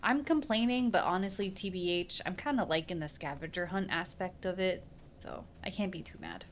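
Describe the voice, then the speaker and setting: A woman's voice: lowish voice, normal speed. A young woman streams a game from home on a desk mic, chatting loosely and rambling from thought to thought. Her talk is full of slang and the occasional swear, with a faint hum of room ambience behind her. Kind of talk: casual live-stream gameplay commentary.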